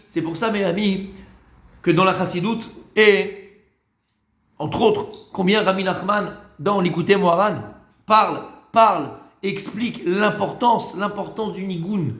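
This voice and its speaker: A man's voice: high-pitched, unhurried, a bit bright, roomy sound. A man teaching Torah to a class in a loose, talkative way, repeating phrases, mixing in Hebrew words, stopping to ask his listeners questions, and sounding tired. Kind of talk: informal Torah lesson with questions from students.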